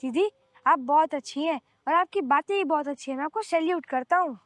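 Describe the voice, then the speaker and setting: A man's voice: very high voice, brisk. A man playing a respectful young man who praises his elder sister in a short-film drama. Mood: admiring. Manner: warm-hearted, respectful.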